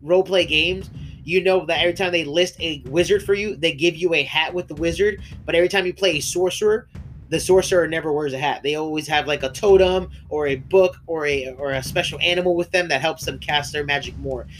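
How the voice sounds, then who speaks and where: A podcast co-host recaps an episode of a show in a casual, rambling way, laughing and restarting as he goes, with his voice occasionally breaking and a cough here and there. He sounds fairly high, brisk, and a bit bright, with slight background noise.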